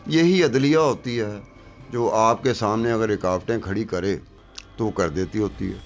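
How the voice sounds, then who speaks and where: A man's voice: fairly low pitch, highs cut off, faint music behind. A middle-aged man giving political commentary on a talk show, emphatic and argumentative, repeating his points for effect.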